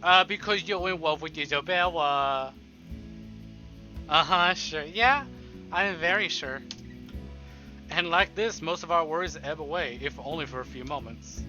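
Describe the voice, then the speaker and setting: A man with a voice on the high side speaks unhurriedly, leaving long pauses as he streams a visual novel. He reads the narration aloud live and throws in playful, sarcastic jokes between lines. The stream audio sounds dull and lo-fi over game music.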